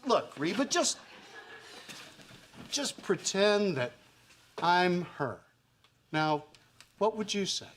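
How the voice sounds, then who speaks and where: An actor playing a hesitant man trying to smooth things over, in a sitcom. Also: high-pitched, sing-song, takes it slowly, pauses often, fairly bright tone, full character voice. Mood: sheepish. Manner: hesitant, placating. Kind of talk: sitcom acting.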